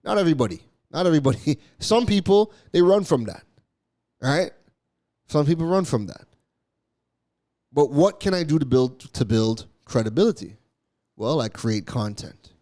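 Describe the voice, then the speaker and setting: This podcast host, who grew up in Canada, has a slightly high, warm voice and speaks animatedly at normal speed, pausing often. In his solo business monologue he talks emphatically, repeating key phrases and sometimes stumbling.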